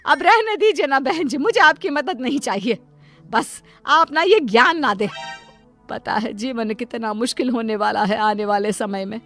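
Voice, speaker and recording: A woman voicing a self-sacrificing middle-aged mother in a cartoon story, speaking softly and pleadingly. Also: on the high side, moderate pace, faint music behind. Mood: gentle. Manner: soft, pleading.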